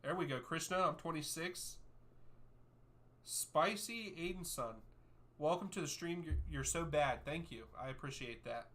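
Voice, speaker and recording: Male streamer in his thirties, bright and punchy tone, casual back-and-forth with live chat. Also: on the high side, measured pace. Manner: easygoing, reads out chat names and answers at length. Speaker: streamer hosting a soccer watchalong. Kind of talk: live-stream chat, answering viewer questions.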